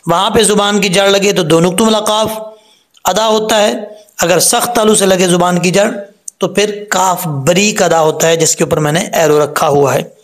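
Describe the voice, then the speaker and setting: A man teaching Quran recitation, explaining each sound patiently step by step and chanting the verses slowly. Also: high voice, fairly even intonation. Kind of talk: tajweed lesson with recitation.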